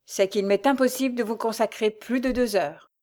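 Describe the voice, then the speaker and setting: A woman voicing a calm, mysterious male nobleman with a cool, measured way of speaking. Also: a little high, natural voice.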